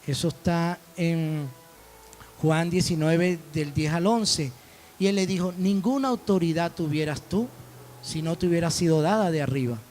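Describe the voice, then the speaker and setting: A man's voice: on the high side, normal speed, darkish tone, soft background music. A man preaching a sermon as pastor, telling stories and acting out dialogue. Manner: storytelling preacher, quoting dialogue.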